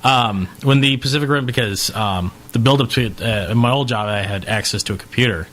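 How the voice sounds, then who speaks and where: Excitable man telling fan stories. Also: mid-range voice, brisk. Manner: excitable storyteller, acts out quotes. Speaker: podcast co-host. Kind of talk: casual chat.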